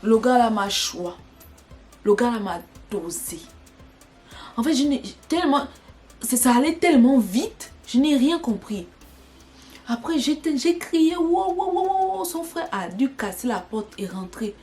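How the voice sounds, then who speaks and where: A young woman telling a personal story in an animated, dramatic way for her vlog. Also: on the high side, measured pace, faint music behind. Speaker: vlogger.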